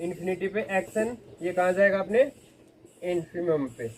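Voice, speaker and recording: A man's voice: high voice, unhurried, slight background noise, rough recording. A man teaching a math lecture, explaining step by step and often asking his students questions. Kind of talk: classroom lecture.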